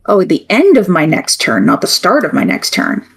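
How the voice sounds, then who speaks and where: A woman's voice: fairly low pitch, wildly swooping pitch, normal speed, creaky, breathy edge. A woman playing a tabletop game, casually thinking aloud about her moves with fillers. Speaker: player.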